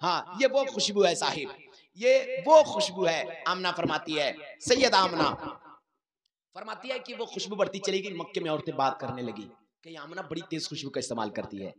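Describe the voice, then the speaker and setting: A male preacher tells a religious story in a dramatic, sing-song manner, drawing out his emphatic lines. His voice is high for a man. It is a live gathering, and a crowd is heard behind him. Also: lively intonation, moderate pace. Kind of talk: Islamic sermon storytelling.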